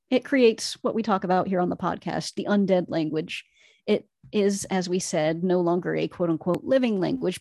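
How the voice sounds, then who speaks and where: A Latin teacher co-hosting an enthusiastic educational podcast earnestly explains her case, building it point by point. Her voice is fairly low with a darkish tone, and the recording is dry with studio quality.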